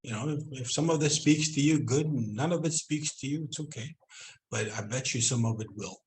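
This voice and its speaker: A man with a Northern Cree accent, giving an online cultural presentation on video call and talking in a relaxed, storytelling way with frequent "you know". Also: mid-range voice. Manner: conversational, drawn-out storytelling with repeated "you know".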